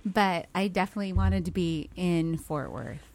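A woman's voice: lowish voice, moderate pace, a little mellow. A woman in her thirties hosting a casual podcast, upbeat and chatty. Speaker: podcast host. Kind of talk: casual chat.

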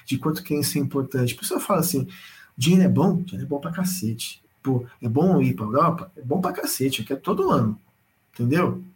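A man casually telling a personal spiritual story, animated and repetitive, often speaking straight to his listeners. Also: medium pitch, a little fast, poor audio. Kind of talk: casual spoken testimony.

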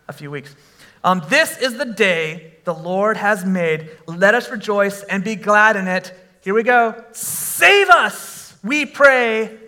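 A man with a high voice, a pastor, delivers a sermon to his congregation. His delivery is conversational and sprinkled with fillers, turning into animated shouts whenever he exclaims.

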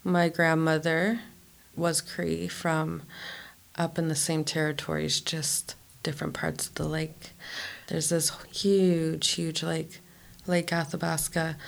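A woman who works as a community programmer, speaking slowly and deliberately with pauses in a podcast interview. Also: sits low, level tone, creaky. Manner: slow, deliberate speech with pauses. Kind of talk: slow, measured podcast interview.

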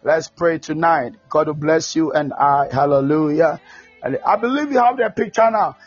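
A man preaching a fervent sermon, often shouting and mixing English with Twi. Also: on the high side, moderate pace, husky. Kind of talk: sermon with prayer. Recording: dull lo-fi recording with faint music.

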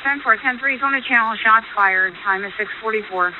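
Woman police dispatcher on police radio; brisk, clipped codes; tinny, hissy line. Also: a little high. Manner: brisk, businesslike, reads out times and codes. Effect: police radio transmission.

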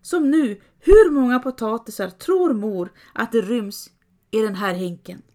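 Clever stubborn peasant girl, woman reader doing her, bright and pushy, story voice. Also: a little high, pitched above the performer's own voice, natural voice. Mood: insistent. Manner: bright, insistent.

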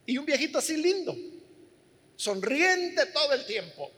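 High-voiced forceful male preacher. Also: sing-song, a little slow, big-room sound. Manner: earnest storytelling, addressing listeners directly. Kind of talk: sermon.

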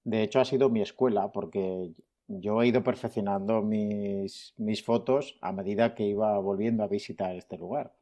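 A man's voice: on the low side, steady tone, moderate pace, mellow. A man being interviewed as a nature photographer, talking in a chatty, good-humoured way. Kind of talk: casual interview.

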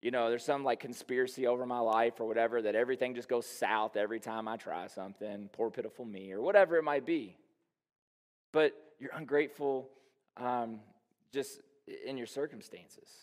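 A man of middle pitch delivers a sermon in a relaxed, storytelling way, filling his sentences with "you know" and "right?". His voice rings out with the long tail of a large church hall. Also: moderate pace. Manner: candid, anecdotal, lots of fillers like "you know". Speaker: pastor. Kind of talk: conversational sermon. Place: church sanctuary.

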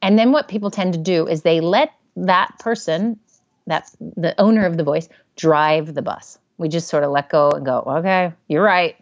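Woman therapist guest, lowish voice, animated and chatty, dull dry sound. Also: normal speed, no echo. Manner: animated, acts out inner voices in quotes. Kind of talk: casual interview talk.

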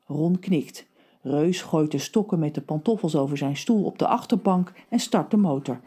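Woman, storybook narration, steady expressive reading, low voice, warm tone. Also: normal speed, slightly rough.

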